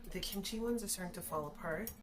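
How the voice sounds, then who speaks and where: A woman's voice: medium pitch, quick pace. A tipsy woman chatting casually to camera as she hosts a food video, slangy and given to swearing. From Caribbean background. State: tipsy from shots. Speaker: mukbang and drunk-cooking video host. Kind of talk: casual chat to camera while eating and cooking.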